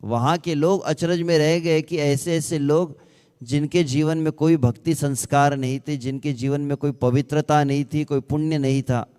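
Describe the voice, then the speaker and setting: A man giving a devotional discourse who asks rhetorical questions and slows into sung chanting of verses. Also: on the high side, darkish tone, smooth, long reverb tail. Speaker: ISKCON speaker.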